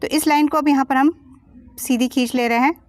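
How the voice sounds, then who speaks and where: A woman's voice: high voice, fairly even intonation, fairly quick, no room sound. A woman giving a step-by-step sewing tutorial as a voice-over, patiently explaining each measurement and cut. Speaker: sewing teacher.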